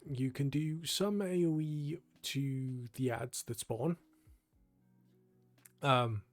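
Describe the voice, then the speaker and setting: A young man commentating over his own gameplay footage in a relaxed, explanatory tone, sounding a little tired. His pitch is mid-range for a man. Faint game music plays behind him. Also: slow pace. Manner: relaxed, explanatory, frequent ums. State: tired, yawning. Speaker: gaming channel host. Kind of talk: casual gameplay guide commentary.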